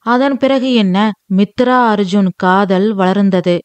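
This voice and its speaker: A woman narrating an audiobook romance in a steady storytelling manner. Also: mid-range voice, takes it slowly, no echo.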